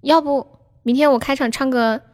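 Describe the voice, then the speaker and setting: A woman's voice: high-pitched, steady tone, moderate pace, darkish tone, faint music behind. A young woman hosting a casual livestream, chatting with viewers, laughing often and reading out their names. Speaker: livestream host.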